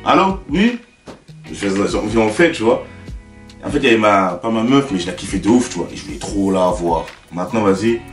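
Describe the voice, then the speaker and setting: A young man with a French accent, a YouTuber telling stories in a casual, slangy, animated way and talking straight to the viewer. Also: fairly low pitch, fast, recorded from a distance. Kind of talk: casual storytelling to camera. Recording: roomy, away from the mic, faint music.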